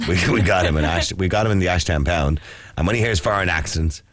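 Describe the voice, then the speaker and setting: A man's voice: low-pitched, a little fast, fairly bright tone, no room sound. An Irish man hosting a radio talk show, telling stories in a blunt, joking way. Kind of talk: casual on-air chat.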